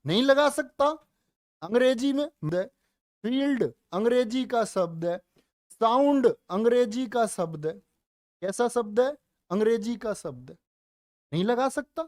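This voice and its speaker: A man's voice: very high voice, expressive, a little slow, pauses often, darkish tone, no echo, studio quality. A man teaching a live online Hindi exam-prep class, coaxing his students, calling them dear children and brother, and asking questions that he answers himself.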